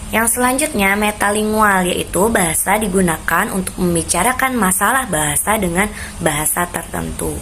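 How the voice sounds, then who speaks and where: A woman giving an instructional lecture, setting out her points in order in a measured way with deliberate pauses. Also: medium pitch, a bit bright, rough recording. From Indonesia. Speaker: lecturer presenting a course module. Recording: noticeable background noise.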